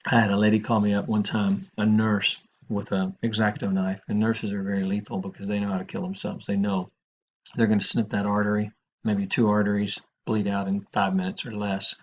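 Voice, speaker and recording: A man's voice: fairly low pitch, level tone, a little fast. A middle-aged man teaching a crisis counseling class, talking informally with many fillers and restarts. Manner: rambling, many fillers and restarts, frank anecdotes. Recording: dull lo-fi classroom recording.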